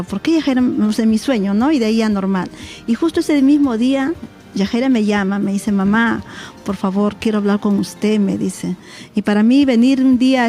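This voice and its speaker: A woman's voice: on the high side, warm tone. A middle-aged woman with a Peruvian accent, a mother giving her testimony on a church talk show and acting out remembered dialogue. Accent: Peruvian Spanish. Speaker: interviewed mother.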